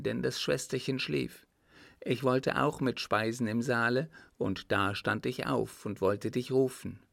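A man reading aloud and voicing an eager, bright little boy who asks earnest questions. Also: mid-range voice, vocal fry, no room sound, clean studio sound.

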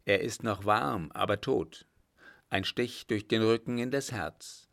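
A man's voice: lowish voice, a little slow, vocal fry, a bit bright. A man voicing a firm young lieutenant. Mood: grave. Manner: firm, commanding, reassuring. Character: resolute young cavalry lieutenant, calm leader. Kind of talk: audiobook reading.

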